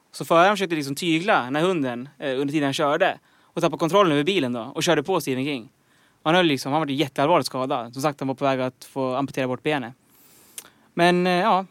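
Male quiz host at a live podcast show; upbeat, clue-reading delivery, fairly high voice. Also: clean tone, no echo. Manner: upbeat, animated when reading out clues.

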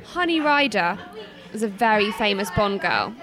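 A woman's voice: medium pitch, big pitch swings, normal speed, crowd noise. A woman co-hosting a casual podcast in a pub, playfully running a quiz and teasing her friend. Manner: playful, giggly, teasing quizmaster. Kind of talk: casual chat.

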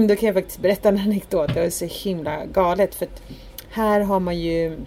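A woman from Sweden, co-hosting a podcast in casual chat, telling stories with acted-out dialogue. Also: medium pitch. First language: Spanish. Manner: animated storytelling, acts out quoted dialogue. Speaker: podcast co-host. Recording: faint background noise.

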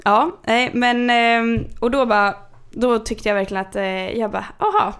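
A young woman co-hosting a casual podcast chat, telling a story with lively acted-out quotes. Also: fairly high pitch, clean tone. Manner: animated storyteller, acts out quoted voices. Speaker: podcast co-host.

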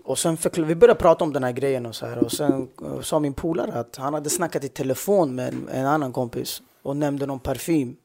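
A man's voice: mid-range voice, gravelly, hardly any pauses, darkish tone. A man in casual podcast chat, laid-back, often agreeing briefly.

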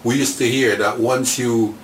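An older man from Aruba with a Caribbean accent, telling stories casually and haltingly in colloquial phrasing as an interview guest. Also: medium pitch, steady tone. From Caribbean, born in Aruba, raised in Trinidad and Dominica. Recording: roomy echo, clear background noise.

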